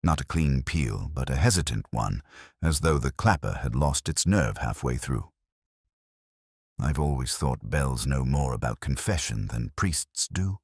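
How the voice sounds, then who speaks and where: In a measured, literary manner, a man with an extremely low, husky, slightly mellow voice narrates a scripted detective story. His delivery is brooding, yet his intonation is lively and moves widely. The recording is dry and close, with no room sound.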